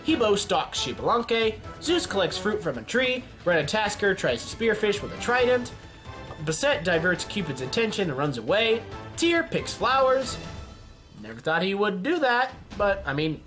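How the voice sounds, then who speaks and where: A man giving casual, jokey commentary on a game simulation, often yelling at events and laughing. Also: sits high. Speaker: YouTube gaming commentator.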